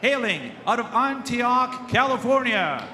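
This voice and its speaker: A man's voice: very high-pitched, sing-song, a little slow, bright, forceful tone. A man working as a boxing ring announcer in a showy lucha libre announcer manner, drawing out and belting names over an echoey arena PA. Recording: echoey arena PA, background noise.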